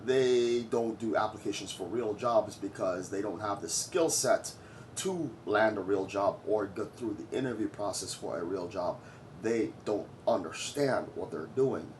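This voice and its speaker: A man's voice: lowish voice, unhurried, a little mellow, a little hiss or hum. A man in his forties from Trinidad and Tobago, giving blunt, boastful opinion commentary to his viewers. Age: 40s. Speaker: vlogger.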